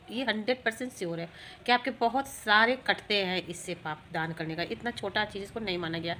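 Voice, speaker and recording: Fast, bright-voiced woman speaker. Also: mid-range voice, slight background noise. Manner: earnest, rambling explanation. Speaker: spiritual speaker. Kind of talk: spiritual talk with storytelling.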